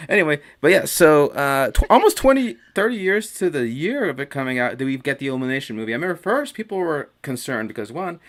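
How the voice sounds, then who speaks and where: Male podcast host, chatty rambler, animated delivery, mid pitch. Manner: rambling, animated, breaks into quoted voices. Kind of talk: casual chat.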